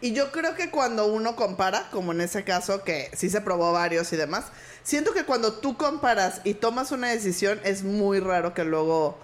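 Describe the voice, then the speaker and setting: A woman's voice: mid-range voice, animated, moderate pace. A woman co-hosting a casual podcast, chatting, explaining and chiming in conversationally. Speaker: podcast co-host.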